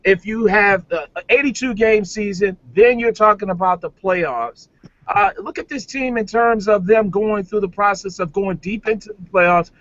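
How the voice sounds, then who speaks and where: Sports show host, man, high bright voice, animated and insistent. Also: moderate pace, dull audio. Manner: animated, pushes his point. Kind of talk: casual sports debate.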